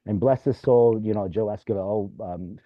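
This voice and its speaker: A man's voice: fairly low pitch, normal speed, no room sound. A man who is a former mayor, telling stories casually and rambling, with "you know" and "right?" scattered through his talk. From California. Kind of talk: casual storytelling. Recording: dry tinny phone-like line.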